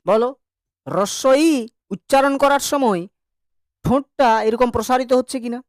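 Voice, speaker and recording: A man's voice: very high voice, normal speed, no echo, studio quality. A man teaching an online grammar class, chatty and joking as he drills vowel sounds with his students.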